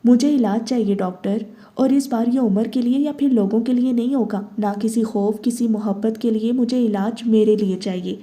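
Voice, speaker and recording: Woman reading a steady, worn-out young heroine, calm and firm, mellow tone. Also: fairly high pitch, close to an everyday voice. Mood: calm resolve. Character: composed weary young woman seeking therapy.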